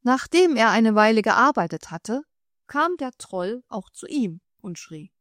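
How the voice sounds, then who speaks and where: A woman narrating a fairy tale in calm, measured storytelling. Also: on the high side, no echo, clean studio sound.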